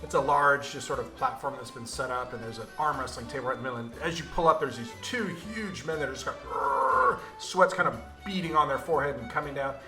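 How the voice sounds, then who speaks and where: A man running a tabletop game as dungeon master, narrating scenes with lively asides. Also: medium pitch, fast talker, hardly any pauses, music in the background.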